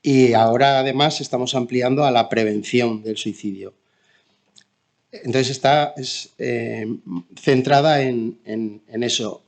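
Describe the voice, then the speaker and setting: Male, Spain accent, slow and hesitant, medium pitch, subdued grief, unscripted personal testimony. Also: fairly even intonation. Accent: Spanish from Spain. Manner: halting, searching for words, with many pauses. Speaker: bereaved father giving testimony. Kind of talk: spontaneous testimony at an online talk.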